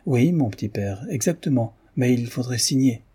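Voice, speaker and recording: A man's voice: medium pitch, expressive, moderate pace, mellow, breathy edge. A man voicing a sly, wheedling old woman matchmaker. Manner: wheedling, pleading.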